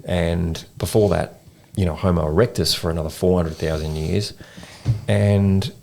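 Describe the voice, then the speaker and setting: Gravelly low-voiced Australian man. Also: moderate pace, slight background noise. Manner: rambling, animated storyteller with slang. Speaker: podcast co-host. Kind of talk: casual storytelling chat. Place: in-person podcast recording.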